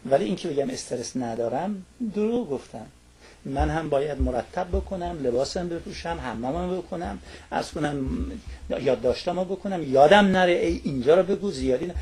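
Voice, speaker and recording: A man's voice: fairly high pitch, lively intonation, darkish tone, slight background noise. A man explaining a topic as a studio guest on a talk show. He lectures in long lists and keeps checking in with his listener through little tag questions.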